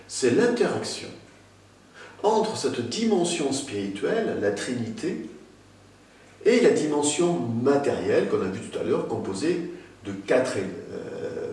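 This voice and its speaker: A man giving a spoken talk on spirituality, addressing the listener directly with emphatic rises and pauses. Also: fairly low pitch, darkish tone, a little hiss or hum. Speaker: spiritual teacher. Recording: very echoey room, mic at a distance.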